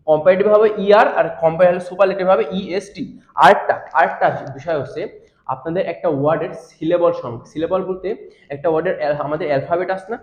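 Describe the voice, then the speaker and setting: A young male teacher with a Bangladeshi Bengali accent runs a quick classroom grammar lesson, his voice sitting a little high. He walks through each rule step by step and keeps asking the class questions. The sound is roomy and somewhat dull. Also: a little mellow. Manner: explains step by step, asks rhetorical questions. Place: classroom with a board. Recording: echoey, dull classroom recording.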